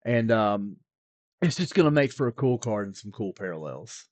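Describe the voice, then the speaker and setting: A man's voice: fairly low pitch, sing-song, moderate pace, a little mellow, dry recording. A man co-hosting a podcast, chatting casually about collectibles, often restarting his sentences and filling gaps with fillers. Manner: rambling, with repeated restarts and fillers. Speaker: podcast co-host, card expert. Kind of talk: casual chat.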